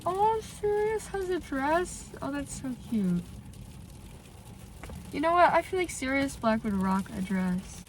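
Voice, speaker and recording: A woman with a high voice speaks slowly over slight background noise, stuffy and nasal from a cold. She's a channel host sitting in a parked car, gushing excitably about fan fiction in a casual reaction vlog and saying "like" constantly.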